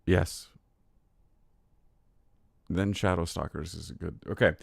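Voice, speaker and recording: A man's voice: low voice, steady tone, takes it slowly, gravelly, dry recording. A tired man hosting a casual livestream, reading lore aloud and chatting, often laughing and getting sidetracked. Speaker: streamer host.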